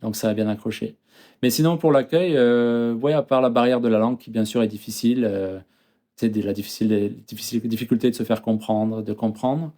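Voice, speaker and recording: French guy in his 30s, guest on an interview, lots of euh and restarts, mellow low tone. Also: steady tone, brisk. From France. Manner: hesitant, many fillers and restarts. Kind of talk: casual interview chat.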